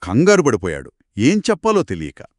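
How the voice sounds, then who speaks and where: A man tells a children's folk tale in a conversational two-voice format, his voice moving animatedly up and down in pitch. The sound is close and dry with no room around it. His delivery is expressive and dramatic, sitting at a medium pitch. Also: a little fast, dry recording. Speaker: storyteller.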